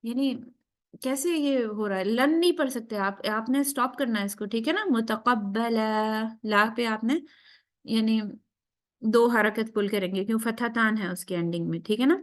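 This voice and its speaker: A woman teaching a tajweed class, slipping English phrases into her talk and often checking that students follow. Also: on the high side. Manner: keeps checking in with students after each point; mixes English phrases into Urdu. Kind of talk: class lecture.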